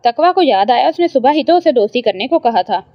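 A woman narrates an audio novel in a steady, even storytelling voice. Her voice is somewhat high. The recording is dry and slightly dull, like a home setup. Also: no echo. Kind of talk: scripted narration.

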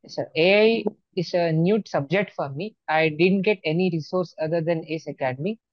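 A man's voice: on the high side, brisk, no echo. A man in his early twenties, a native Telugu speaker with a Telugu Indian accent, answering interview questions on a lo-fi video call. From Andhra Pradesh, India. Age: early 20s. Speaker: student exam topper being interviewed. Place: small plain room indoors. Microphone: wired earphones on video call. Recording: dull lo-fi video-call audio.

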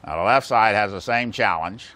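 In a big indoor machine shop, a plain-spoken American man in his sixties walks through engine balancing equipment step by step, folksy in manner. He speaks on the low side at normal speed with a sharp tone, and workshop ambience is clearly audible.

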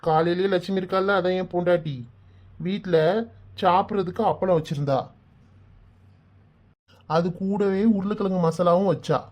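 A woman doing a low-voiced cartoon village father, kind and joking. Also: steady tone, moderate pace, long pauses, darkish tone, natural voice. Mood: comic. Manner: soothing, fatherly advice and comic storytelling. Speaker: father figure. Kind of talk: Tamil cartoon voice acting.

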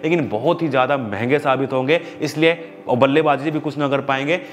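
Chatty man giving fantasy cricket tips. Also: a little high. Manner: chatty, emphatic, addresses viewers as brothers. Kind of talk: casual analysis video.

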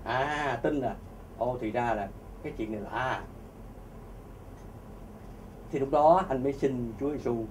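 A man telling a religious testimony to an audience, animated and often repeating words as he searches for them. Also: mid-range voice, a little slow, long pauses, far from the mic, slight background noise. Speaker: speaker giving a religious testimony.

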